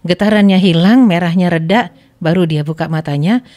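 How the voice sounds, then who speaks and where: A woman's voice: fairly low pitch, moderate pace. A middle-aged woman, a religious teacher on a podcast, telling stories and acting out the dialogue with animation. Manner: animated storyteller quoting dialogue.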